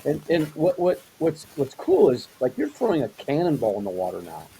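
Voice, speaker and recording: A man's voice: on the high side, wildly swooping pitch, brisk, gravelly, dark tone, a little hiss or hum, poor audio. A man hosting a casual interview, rambling a little, often repeating words and restarting his questions. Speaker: host.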